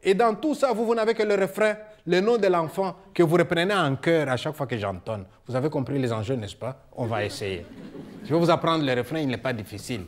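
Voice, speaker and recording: A man's voice: fairly high pitch, fairly quick. A man telling a folk tale on stage with humor and leading an audience in a sing-along. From Congo. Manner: lively, coaxing, teacherly. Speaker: storyteller.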